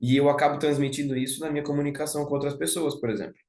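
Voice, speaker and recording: A man's voice: fairly high pitch, fairly even intonation, rapid-fire, darkish tone. A young man with a Brazilian Portuguese accent giving a thoughtful spoken talk on music, often adding "né?" and restarting phrases. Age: young adult. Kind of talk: reflective spoken lecture. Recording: roomy echo.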